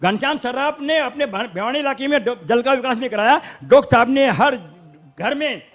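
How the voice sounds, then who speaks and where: Man, Haryanvi accent, very high pitch, insistent, argumentative, panel debate. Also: brisk. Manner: insistent, argumentative, interrupts to defend his side. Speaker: local supporter of the minister on a debate panel.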